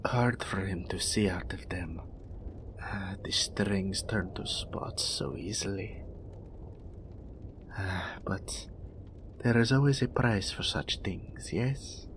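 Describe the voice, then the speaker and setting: A man gives voice to a proud, mystical male naga oracle in an intimate roleplay audio drama, speaking of himself in the third person. His delivery is breathy and deliberate, his low voice gravelly and whispery, with a weary mood.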